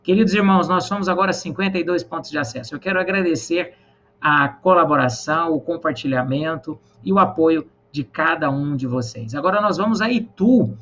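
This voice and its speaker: A man hosting an online church program, praying and greeting viewers in an earnest, measured way with many pauses. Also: on the high side, a bit bright, dull audio, slight background noise. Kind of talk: prayer and live-stream hosting.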